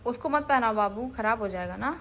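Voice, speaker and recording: A young mother talks in a high, light voice, by turns coaxing and scolding her kids, then turning to chat with her viewers. The home recording carries plenty of background noise. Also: brisk, fairly bright tone. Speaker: vlogger and mother. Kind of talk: casual home vlog.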